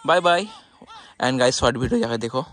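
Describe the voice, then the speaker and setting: A young man with a mid-range voice narrates a casual motovlog while riding outdoors on dirt tracks beside a pond, sounding expressive and talking a little fast. He's chatty, leaning on "guys" and "matlab" as fillers. A phone or action camera mounted on the bike picks up wind and engine noise.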